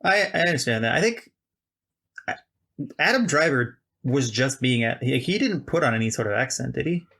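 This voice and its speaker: A man with a gravelly, creaky voice at an ordinary middle pitch chats about movies like a casual podcast host, rambling, saying "like" often, and restarting his thoughts. His intonation is lively, his tone fairly bright, and his speed normal.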